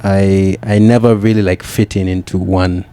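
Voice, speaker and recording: A young man with a Kenyan accent, a podcast guest reflecting candidly on his upbringing, often pausing with restarts and repeated yeahs. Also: low-pitched, flat delivery, crowd noise. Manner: reflective, with frequent "yeah" and restarts.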